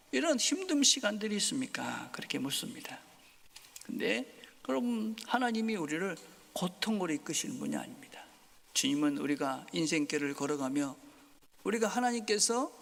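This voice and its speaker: A male pastor preaching a Sunday sermon, swinging from loud emphasis to soft whispers. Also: sits high, creaky. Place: church sanctuary. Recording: long hall reverb.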